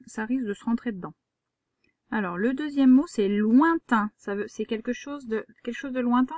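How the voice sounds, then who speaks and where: A woman's voice: fairly high pitch, a little mellow, dry recording, clean studio sound. A woman, a primary school teacher giving a patient, step-by-step handwriting lesson to a young child.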